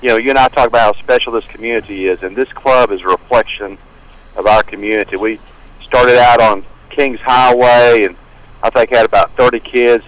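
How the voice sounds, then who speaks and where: A man's voice: medium pitch, dry recording, rough recording. A man speaking casually and earnestly as a caller on a radio phone-in, repeating himself as he goes. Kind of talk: casual talk.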